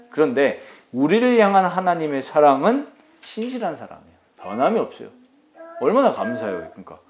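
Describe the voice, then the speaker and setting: A man's voice: a little high, a little mellow, lo-fi sound. A man in his thirties preaching a Sunday sermon as pastor, in a casual, conversational way, asking his listeners questions and laughing now and then.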